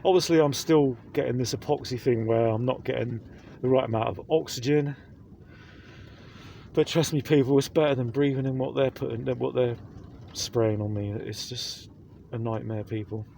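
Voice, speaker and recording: A man's voice: mid-range voice, normal speed, creaky, warm tone, a little hiss or hum. A man talking to camera in a rambling vlog, full of fillers and restarts, speaking through a face mask. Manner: rambling, repeats himself, many fillers. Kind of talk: casual vlog monologue.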